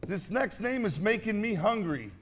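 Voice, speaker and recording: A man's voice: sits high, sing-song, moderate pace, slightly rough. A man co-hosting a comedic infomercial, announcing festival acts with crude, repetitive, mock-solemn hype.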